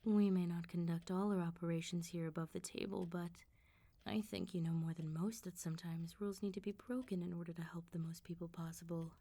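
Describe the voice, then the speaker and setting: Playing a vampire mob boss, a woman speaks in a low, dark, mellow voice, soft and close like ASMR, at a brisk pace. She stays controlled and smooth, her calm, teasing delivery carrying a quiet menace.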